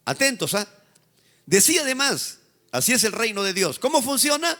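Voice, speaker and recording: A Peruvian pastor preaches with a high, ringing voice that swoops up and down with lively energy. He leads his congregation in call-and-response, having them echo his words, and prods them with teasing exhortation. The sound is that of a live church service. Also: normal speed. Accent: Peruvian Spanish. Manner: call-and-response preaching, has the congregation repeat after him. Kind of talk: sermon.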